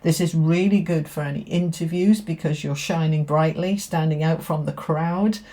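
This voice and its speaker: A woman with a low-pitched voice reads tarot for her viewers. She talks directly to the listener in an emphatic, affirming manner, often repeating phrases for weight. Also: moderate pace, warm tone. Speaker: tarot reader. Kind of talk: spoken tarot reading to viewers.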